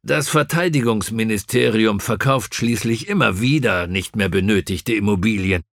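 A stiff, easily irritated senior army officer, as a male audiobook reader plays him. His speech is brisk and clipped, with a gravelly edge. The sound is close and dry. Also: on the low side, fairly bright tone, no echo. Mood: gruff.

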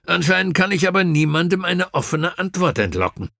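A man voicing a stiff, irritable older army officer in an audiobook, brisk and gruff. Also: sits high, very animated, a bit bright, no echo, studio quality, voice pushed up, heavily acted.

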